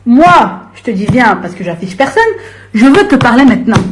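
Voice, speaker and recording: A young woman ranting to viewers on a live stream in a confrontational, slangy way, swinging from low grumbling to shrill outbursts. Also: sing-song, moderate pace, a little hiss or hum.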